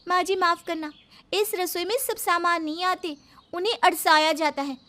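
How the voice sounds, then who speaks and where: A woman's voice: extremely high pitch, steady tone, moderate pace, sharp tone. A woman voicing a young daughter-in-law who complains and pleads about the old kitchen. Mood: complaining.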